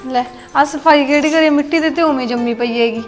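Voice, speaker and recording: A young woman playing a bratty, sharp-tongued younger sister-in-law in a family skit. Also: sits high, brisk, long reverb tail, soft background music.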